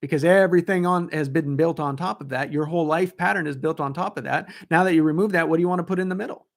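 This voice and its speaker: High-voiced man giving a motivational talk. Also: fast talker, vocal fry. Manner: emphatic, asks rhetorical questions, acts out inner thoughts. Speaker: motivational coach.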